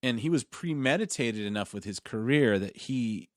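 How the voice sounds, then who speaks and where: A man's voice: mid-range voice, animated, moderate pace, no room sound, clean studio sound. A man co-hosting a podcast, chatting casually about films in a loose, rambling, enthusiastic way. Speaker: podcast co-host.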